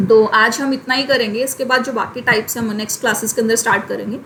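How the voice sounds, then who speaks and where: A young woman teaching a class, explaining in Hindi, reading English passages slowly and checking in often with "theek hai". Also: on the high side, steady tone, bright, forceful tone, a little hiss or hum, rough recording. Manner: frequent "ठीक है" check-ins. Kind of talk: online class lecture.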